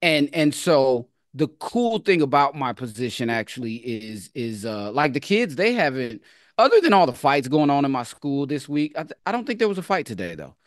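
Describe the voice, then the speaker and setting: A man's voice: mid-range voice, big pitch swings, normal speed, no room sound, clean studio sound. Easygoing man co-hosting an educators' podcast. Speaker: educator, co-host. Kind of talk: casual podcast chat.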